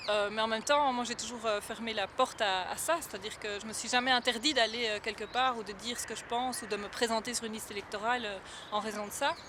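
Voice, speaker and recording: A woman's voice: on the high side, fairly even intonation, quick pace, hardly any pauses. Woman speaking over city traffic. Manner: thoughtful, hesitant with many fillers. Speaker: interviewee. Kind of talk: documentary interview. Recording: clear street noise behind.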